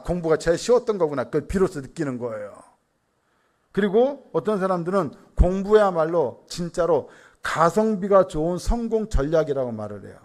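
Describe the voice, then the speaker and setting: A middle-aged man preaching a Sunday sermon. He asks the congregation questions, answers them himself, and tells stories about his family. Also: high voice. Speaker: senior pastor.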